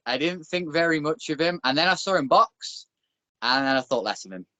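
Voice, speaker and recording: A man's voice: on the high side, expressive, fairly quick, sharp tone, dry recording. Dry-humored Northern English man, dead dry sound. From Northern England. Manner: dry, self-deprecating humor. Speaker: guest, bare knuckle boxer. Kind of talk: casual interview chat.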